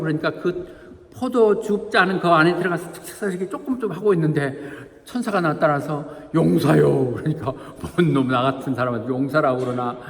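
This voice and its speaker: Male pastor, animated conversational sermon, long church-hall reverb. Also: medium pitch. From Korea. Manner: lively, chatty preaching with asides to the congregation and playful acted quotes.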